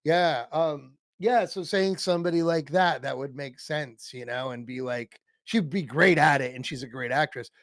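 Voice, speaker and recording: A man's voice: a little high, normal speed, few pauses, fairly bright tone, no echo. A man co-hosting a casual fan podcast about an old TV show, rambling and self-interrupting, laughing often. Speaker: podcast co-host.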